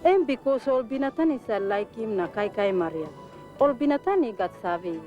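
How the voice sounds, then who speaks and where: Earnest advising woman acted, Papua New Guinean accent, pidgin, higher voice, instructional drama dialogue, music behind. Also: animated, brisk, warm tone, natural voice. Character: earnest woman giving nutrition advice.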